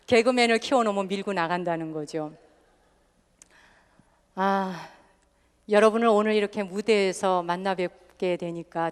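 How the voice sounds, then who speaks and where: A Buddhist nun talks to an audience from a stage, lively and laughing often, dropping her voice to mimic dialects. Her middle-pitched voice rings with long reverb from the live hall. It is warm storytelling rather than a formal sermon. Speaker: Buddhist nun hosting a live public broadcast.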